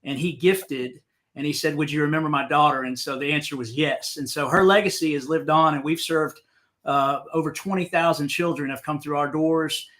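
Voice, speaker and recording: A man's voice: on the high side, fairly even intonation, moderate pace, a bit bright. A man from South Carolina with a light Southern US accent, a webinar guest telling his organization's story in an earnest, conversational way. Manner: earnest storyteller with some restarts. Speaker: guest, nonprofit executive.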